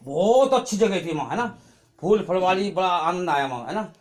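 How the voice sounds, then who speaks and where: Man, high pitched, middle-aged, church testimony, chatty storytelling, keeps adding tag questions. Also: animated, normal speed. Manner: chatty storytelling with frequent "hai na" tags. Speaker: church member giving testimony. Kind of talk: spoken testimony at a prayer meeting.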